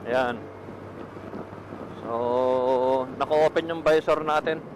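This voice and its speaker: A Filipino man, a motovlogger testing gear, gives casual vlog commentary while riding a motorcycle on the road. He talks very slowly in a steady, mid-range voice into a Bluetooth helmet intercom mic that picks up wind, engine noise, and surrounding road and vehicle sounds.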